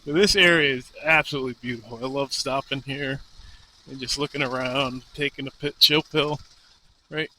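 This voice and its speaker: A man chats off the cuff from inside a motorcycle helmet, thinking aloud as he rides. His voice is very bright and forceful, at a medium pitch. Faint vehicle noise sits behind the helmet mic recording. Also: steady tone, moderate pace, poor audio. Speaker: motorcycle vlogger. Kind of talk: casual off-the-cuff ride commentary. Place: outdoors, riding a motorcycle on a dirt road.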